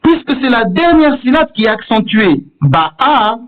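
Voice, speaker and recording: A man's voice: extremely high pitch, animated, normal speed. A man giving a patient, explanatory lesson on Hebrew word stress, demonstrating each pronunciation himself. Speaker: Hebrew teacher. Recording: tinny phone-like sound.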